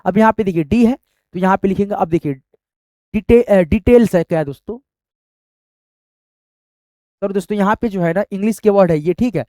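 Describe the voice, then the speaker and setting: A man's voice: high voice, fairly quick, pauses often, warm tone, no room sound, clean studio sound. A man teaching a language lesson, repeating himself and often checking with "okay" and "friends".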